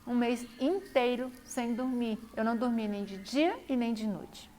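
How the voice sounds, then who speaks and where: A woman's voice: on the high side, measured pace, a little mellow, a little hiss or hum. A woman telling her own story to camera, repeating phrases for emphasis. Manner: repetitive, emphatic retelling. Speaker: vlogger.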